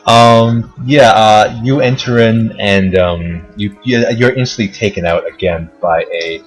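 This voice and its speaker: Young male game master, slightly low voice, halting, filler-heavy narration. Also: faint music behind, poor audio. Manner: hesitant, many fillers. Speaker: dungeon master.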